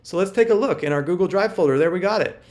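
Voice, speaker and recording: A man's voice: high-pitched, animated, quick pace, a little mellow. A man teaching a screen-share workshop, casual and thinking aloud with many fillers. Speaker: workshop instructor. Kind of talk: screen-share tutorial walkthrough.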